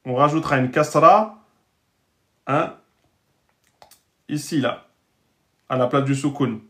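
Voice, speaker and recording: Slow, patient male Arabic teacher. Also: mid-range voice, sharp tone. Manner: patient, checks in often with "d'accord?" and "hein?"; sounds out Arabic words slowly and repeats them. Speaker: Arabic and Quran reading teacher. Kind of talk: explanatory lesson to French-speaking learners.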